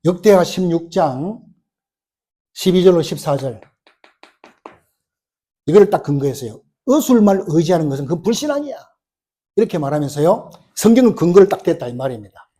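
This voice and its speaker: A man preaching in a church with a high, husky voice. His tone is dark and mellow. He tells the story with lively questions to the congregation and acts out each quoted line. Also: brisk, long pauses. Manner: storytelling with rhetorical questions, acting out quoted lines. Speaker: pastor. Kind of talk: sermon. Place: church sanctuary.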